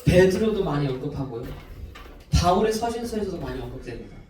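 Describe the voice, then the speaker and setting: A man's voice: a little high, fast, heavy background noise. A young man, a youth pastor, preaching a sermon to teenagers and quizzing them with questions as he goes. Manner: animated, quizzes listeners with questions. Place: church worship room. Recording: echoey room, voice from far off.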